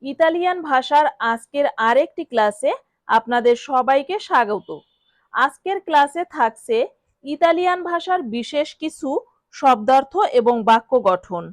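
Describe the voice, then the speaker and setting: A woman with a Bengali accent, teaching a vocabulary lesson and repeating each word slowly for learners to copy. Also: sits high, animated, no room sound. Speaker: language teacher. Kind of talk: instructional lesson.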